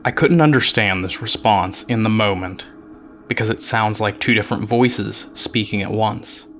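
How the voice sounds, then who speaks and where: A man giving an even, explanatory voice-over while reviewing investigation footage. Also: lowish voice, normal speed, slight background noise. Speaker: narrator.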